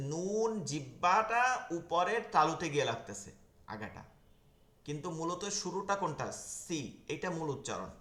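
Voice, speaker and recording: A man's voice: a little high, pushed and bright, reverberant. A man teaching Quran pronunciation in an online class, explaining where the tongue goes and repeating each Arabic letter sound many times over. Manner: explains tongue and teeth placement step by step.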